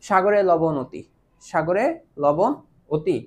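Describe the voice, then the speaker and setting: Her voice is lowish and a little mellow, and she speaks slowly. She is a woman teaching math online who patiently checks whether her students understand and mixes English math terms into her speech.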